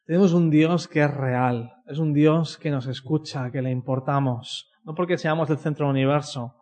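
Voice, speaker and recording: A man's voice: fairly high pitch, steady tone, normal speed, darkish tone. A man from telling a personal faith story in a conversational way, often ending his sentences with a questioning "no?". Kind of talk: personal testimony talk.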